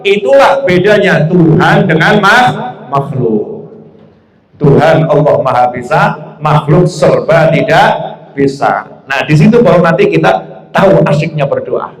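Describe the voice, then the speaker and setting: A man's voice: a little high, expressive, measured pace. A man preaching a religious lecture to a live audience, repeating phrases, asking rhetorical questions and acting out prayers. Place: auditorium. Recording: echoey hall.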